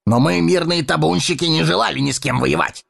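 An actor playing a proud, commanding horse-lord guard captain in an audio drama. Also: male voice, fairly high pitch, brisk, gravelly, fairly bright tone, heavily acted. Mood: earnest.

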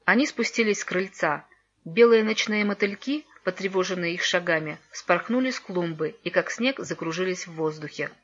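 A woman narrating a fairy tale in a calm, storytelling manner. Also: fairly low pitch, moderate pace. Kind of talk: storybook reading. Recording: dull lo-fi recording.

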